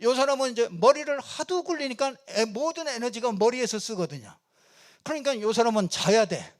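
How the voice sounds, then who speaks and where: A male pastor gives a loose, conversational sermon from the pulpit. His voice sits high for a man, and he talks in an animated, rambling way, full of fillers and with frequent small chuckles. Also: a little fast. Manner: chatty and animated, many fillers, chuckles often. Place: church pulpit.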